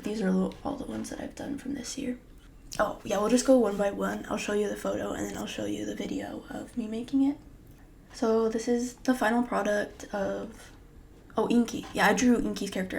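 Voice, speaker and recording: A young woman talks casually through her artwork, slipping often into a breathy near-whisper. Her voice has a gravelly, creaky edge. A faint hiss sits under the recording. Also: mid-range voice, a little mellow. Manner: chatty, often drops to a breathy half-whisper. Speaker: artist vlogger. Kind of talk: casual vlog commentary.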